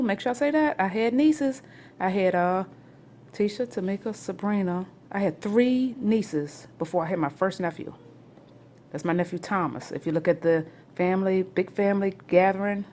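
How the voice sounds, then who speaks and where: A woman in her forties chatting at home in a rambling family vlog, now and then rising into loud, excited bursts. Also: fairly low pitch, a little hiss or hum. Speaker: family vlogger. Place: home, near the kitchen.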